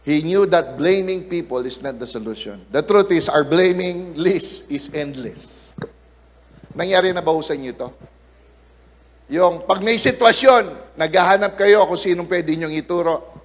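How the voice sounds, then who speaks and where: A man preaching a sermon, lively, acting out quoted lines in changed voices. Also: fairly high pitch, a little slow, in a large hall. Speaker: pastor.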